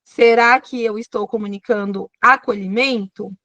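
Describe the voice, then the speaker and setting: A woman's voice: fairly high pitch, fairly even intonation, normal speed, pushed and bright, no echo, dull audio. Brazilian woman teaching over a video call. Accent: Brazilian Portuguese. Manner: addresses listeners directly, checks in often. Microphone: computer or phone on a video call.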